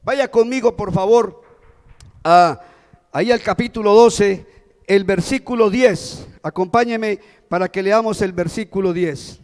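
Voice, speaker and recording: A man's voice: high-pitched, measured pace, darkish tone. A male pastor preaching a Sunday sermon, often putting questions to the congregation and answering them himself. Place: church. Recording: long reverb of a church hall.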